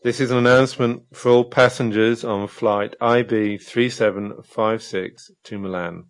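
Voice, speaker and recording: A man reading scripted public announcements in a measured, formal way, with a few small hesitations. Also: on the low side, fairly even intonation, no room sound. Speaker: announcer in a listening exercise.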